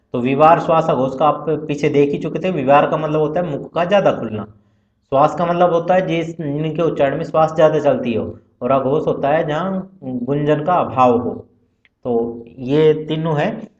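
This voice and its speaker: A man's voice: on the high side, darkish tone. A man teaching Sanskrit grammar in a recorded lecture. He recites Sanskrit terms in a list, then explains each one plainly and step by step. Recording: roomy, dull lo-fi recording.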